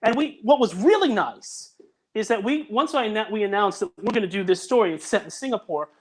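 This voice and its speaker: In a casual podcast conversation held on a video call, an audio drama maker speaks as the guest. His high voice is expressive and fairly quick, his manner earnest, and he often breaks off to restart his sentences.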